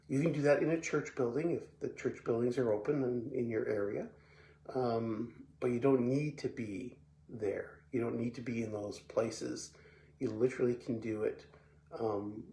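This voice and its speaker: Gravelly-voiced man giving a devotional talk. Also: mid-range voice. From Belgium. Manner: relaxed, repeats words often, many fillers. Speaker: pastor. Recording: echoey room with faint background noise.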